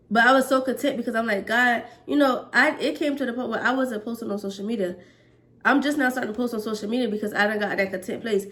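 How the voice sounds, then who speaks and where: A woman in her twenties, a hair braider, talking earnestly to camera about faith and work in a preachy, list-building way. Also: mid-range voice. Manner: earnest, preachy, speaks in repeated lists. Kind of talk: casual faith-based monologue to camera.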